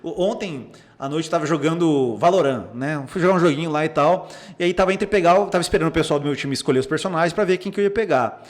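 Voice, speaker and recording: Young Brazilian psychologist, quick and slightly high, lively podcast guest who acts out quotes. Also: male voice. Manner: animated storyteller, acts out quoted remarks, frequent restarts. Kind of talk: casual podcast conversation.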